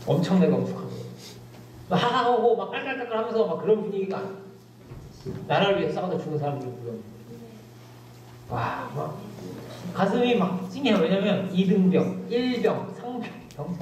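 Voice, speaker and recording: A middle-aged male pastor preaching a sermon, telling stories with lively emphasis that drops suddenly to quiet asides. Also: fairly high pitch, slight background noise. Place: church sanctuary. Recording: very echoey church hall, distant mic.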